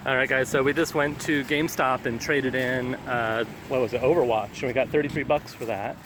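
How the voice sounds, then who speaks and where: A man's voice: medium pitch, steady tone, normal speed. A man chatting casually as he vlogs out and about around shops and a mall, often checking in with a companion. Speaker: video game collecting vlogger. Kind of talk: casual vlog chat. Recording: noisy on-location vlog, traffic and ambience.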